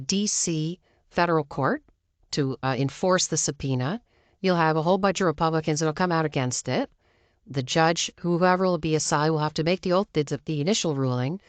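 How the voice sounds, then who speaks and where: An American woman offers opinionated news commentary, emphatic and argumentative, often posing rhetorical questions. Her voice is fairly low with a clean tone, and the recording is dry.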